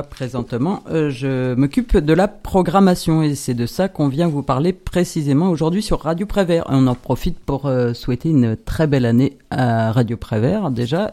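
In an extremely low, warm voice, a concert programmer appearing as a radio guest runs through upcoming concerts. Her casual, playful chat is full of hesitant fillers.

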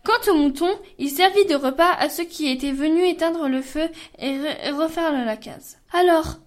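High-voiced woman reading a tale expressively. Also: moderate pace. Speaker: student reader.

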